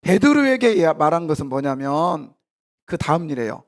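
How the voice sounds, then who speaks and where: Speaking at a moderate pace in a voice on the high side, a pastor preaches in a church sanctuary, acting out a scene as a live demonstration. His sermon is conversational and animated, full of casual, half-informal banter and direct questions to the congregants.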